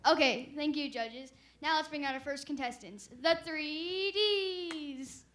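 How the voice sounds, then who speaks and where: A young woman from Nevada acting as host of a talent show in a student skit, announcing briskly. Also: high voice, a bit bright, slight background noise.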